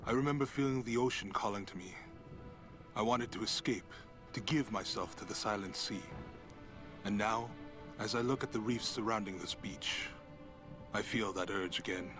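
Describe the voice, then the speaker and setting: Jonah, a man as a sincere, gentle big crewman. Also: on the low side, moderate pace, music in the background, close to an everyday voice. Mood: brooding, reflective. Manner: sincere, reassuring. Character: big, gentle, loyal adventurer and ship crewman.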